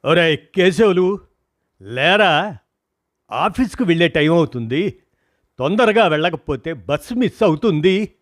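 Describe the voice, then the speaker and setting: A man voicing an older man who loudly and familiarly urges his sick friend to get up. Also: fairly high pitch, animated, a little slow, long pauses, no echo, studio quality, pitched above the performer's own voice. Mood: urging, familiar. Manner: loud, familiar, bantering call.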